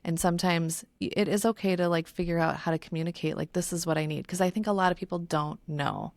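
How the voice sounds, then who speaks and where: A woman co-hosting a podcast in casual chat, her voice low with a gravelly edge. She sounds close to tears yet stays candid and swears freely. The recording is dry and close. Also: fairly even intonation, fast, darkish tone, no room sound. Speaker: podcast co-host.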